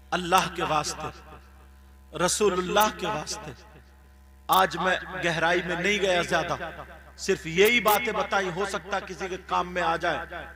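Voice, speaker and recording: A man preaching a sermon with stories at a shrine festival, impassioned, dropping soft and then shouting. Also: sits high. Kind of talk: religious sermon with storytelling. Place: outdoor shrine festival gathering. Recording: live crowd audible behind.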